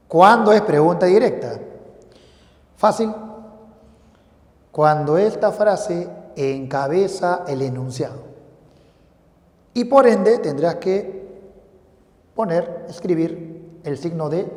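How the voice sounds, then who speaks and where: A high-pitched man gives a slow, careful grammar lesson. He voices his students' questions and answers them himself, repeating each point. His voice sounds mellow and carries a long reverb from a big room. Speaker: language teacher. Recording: roomy hall reverb.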